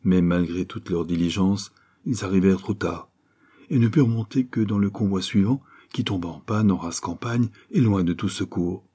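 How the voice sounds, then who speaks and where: A man narrating an adventure novel aloud in a measured, even reading. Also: low-pitched, breathy edge. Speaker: audiobook narrator. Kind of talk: scripted narration.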